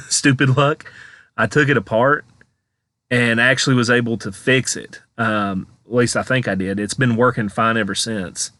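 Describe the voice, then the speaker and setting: A man with a fairly low voice talks casually over his own vlog footage. He rambles and halts, thinking aloud as he goes. The recording is dry, with very little room sound. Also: bright, forceful tone, no room sound. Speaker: paranormal investigation vlogger.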